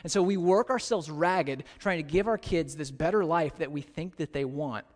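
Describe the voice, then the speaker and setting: A man with an American accent preaching a sermon as a pastor, telling stories with big animated swings in pitch. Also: normal speed. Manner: animated storytelling, pitch leaping high in anecdotes. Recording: long reverb of a large hall.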